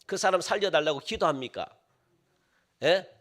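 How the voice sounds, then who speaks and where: A man's voice: fairly high pitch, animated, normal speed, a bit bright. A man preaching a sermon as pastor in a church, putting questions to the congregation and rising into emphatic bursts. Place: church sanctuary.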